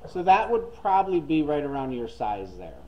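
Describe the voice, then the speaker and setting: A man's voice: a little high, big pitch swings, normal speed, darkish tone, low-quality recording. A man working as a hat store salesperson, explaining hats in casual chat with lots of fillers, recorded inside a big western wear store. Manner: chatty, explains with many fillers. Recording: store music playing behind.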